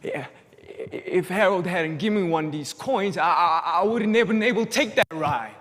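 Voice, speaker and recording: A man's voice: high voice, expressive, normal speed, a bit bright. A young man performing a stage monologue as a sheltered, stammering man who breaks free and turns defiant. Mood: triumphant. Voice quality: stammering, repeats words. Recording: reverberant hall.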